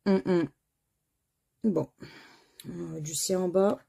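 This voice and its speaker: A woman's voice: lowish voice, fairly even intonation, slow, gravelly, warm tone, slightly rough. A French woman hosting a scratch-card channel, chatting casually as she scratches tickets and spells out letters one by one. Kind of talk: casual commentary while scratching lottery tickets.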